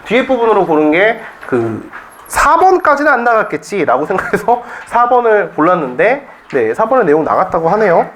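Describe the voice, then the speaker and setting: A man's voice: sits high, sing-song, normal speed, a bit bright, a little hiss or hum. A man teaching a Korean reading class at a cram school, joking and constantly firing rhetorical questions at his students. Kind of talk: classroom lecture.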